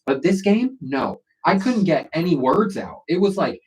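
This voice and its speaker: A young man from Sacramento, California co-hosts a casual sports show. His voice sits a little high for a man. He tells long, rambling stories packed with "like.". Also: animated, moderate pace, low-quality recording. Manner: rambling storyteller, heavy use of "like".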